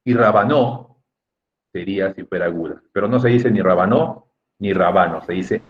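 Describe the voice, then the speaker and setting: Over a video call, a man with a low-pitched voice teaches an online class, talking fast yet patiently coaxing students by name and drawing out words to stress their syllables. His computer mic gives muffled, lo-fi call audio.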